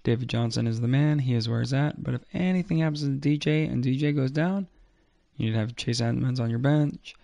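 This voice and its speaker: A man gives casual, slangy fantasy football commentary on his own podcast. His voice is mellow and creaky, recorded close and dry. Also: mid-range voice, fairly quick, dry recording. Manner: informal, slangy. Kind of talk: casual solo sports commentary.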